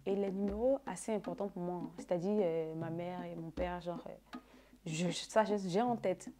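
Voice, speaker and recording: Over background music, a young woman vlogger with a fairly low voice tells a casual storytime at a normal speed. Her animated retelling repeats words and fills pauses with "là" and "genre."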